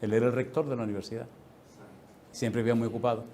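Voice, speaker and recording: A middle-aged man preaches as a pastor and tells a personal story. He acts out the dialogue and laughs often, and his delivery is animated. Faint noise sits under his voice. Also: mid-range voice, quick pace.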